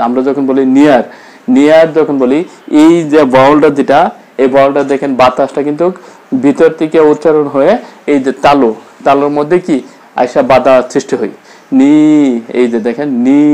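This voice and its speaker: Male teacher, mid pitch, patient demo style, repeats each sound and stretches the vowels. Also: a little mellow, rough recording. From Bangladesh. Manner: slow, repeats sounds and drawn-out vowel demos. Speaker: English teacher. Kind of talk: spoken pronunciation lesson.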